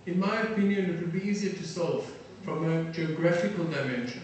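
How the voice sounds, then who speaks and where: In a lecture hall with lots of reverb and faint noise, a middle-aged man from South Africa, serving as a defense attaché, speaks to an audience. His pitch is fairly high and he's recorded from a distance. He hesitates a lot, using many fillers and starting over.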